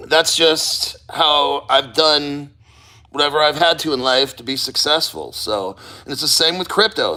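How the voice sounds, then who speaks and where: A man's voice: fairly high pitch, pushed and bright. A man livestreaming casually from a cold water plunge, speaking bluntly as a host, with loose motivational rambling and casual swearing. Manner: talking while sitting in a cold water plunge. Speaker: livestream host of a crypto channel.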